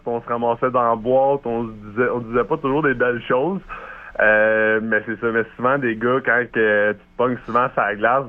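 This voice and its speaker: A man with a Québécois accent chatting casually as an athlete in an interview, hesitant and slangy. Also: mid-range voice. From Quebec, Canada. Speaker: hockey player being interviewed. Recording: thin phone-like call sound.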